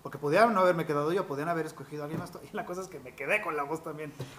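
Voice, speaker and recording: A man, a voice actor telling stories from his career in an interview, animated and peppered with fillers. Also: a little high. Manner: animated, quick anecdotal storytelling with fillers like "este". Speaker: voice actor guest. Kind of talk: interview storytelling.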